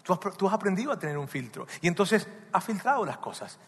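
A pastor voicing a gentle, patient teacher. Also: male voice, high-pitched, sing-song, fast, husky, heavily acted. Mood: gently correcting. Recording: long reverb of a large hall.

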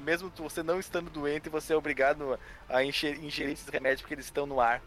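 A man's voice: on the high side, little pitch movement, rapid-fire, a bit bright. A man with a Brazilian Portuguese accent co-hosting a podcast, joking and rambling through playful theories. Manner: jokey, rambling speculation with laughs. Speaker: podcast co-host. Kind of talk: casual comedic podcast banter.

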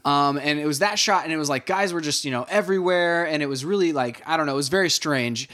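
Podcast co-host, man, slightly higher register, rambling casual recap with lots of restarts. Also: fairly bright tone. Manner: rambling, many restarts and "like" fillers, quick laughs. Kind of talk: casual TV episode recap chat.

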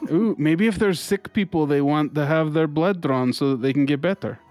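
Male player, jokey, voice sits a bit high, light music underneath. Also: normal speed, darkish tone, dry recording. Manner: playful, laughs often. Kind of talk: casual in-character banter.

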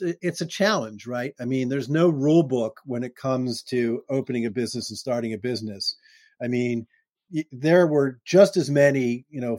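A middle-aged man hosts a podcast interview in a loose, casual style, frequently restarting sentences and giving short laughs. His voice is medium-pitched and somewhat dark, and the recording sounds dry.

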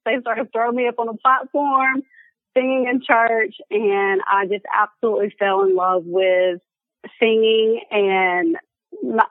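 A young woman with an Alabama accent chats casually as a guest, laughing often. Her medium-pitched voice comes over a tinny, dry phone line with no room sound.

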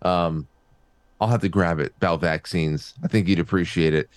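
A man hosting a casual chat, rambling with halting restarts. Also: deep voice, steady tone, smooth, no room sound. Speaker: host.

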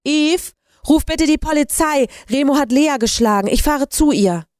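A woman voicing a hurried, caring young woman in a read-aloud story. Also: on the high side, animated, warm tone, dry recording, studio quality, pitched above the performer's own voice, lightly acted. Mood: urgent. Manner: urgent, hurried.

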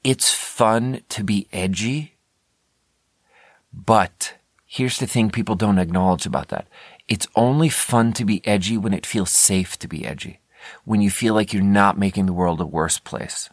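This lowish-voiced American man keeps a measured pace while hosting his podcast alone, captured with studio quality and no echo. The talk is a relaxed, candid ramble, conversational in tone and often broken by his own interruptions.

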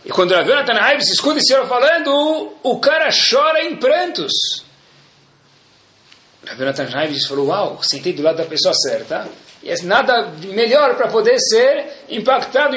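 Brief: high-voiced man, bright sharp tone, animated religious storyteller, echoey room. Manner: animated storyteller, mixes in Hebrew prayer terms.

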